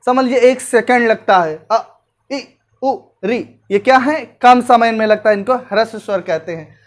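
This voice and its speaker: A woman teacher with a fairly high voice talks through an exam-prep lesson. She repeats each point and fires off quick questions, then answers them herself, drilling the material for her students. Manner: repetitive drilling, asks and answers own questions. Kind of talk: exam-prep classroom lecture.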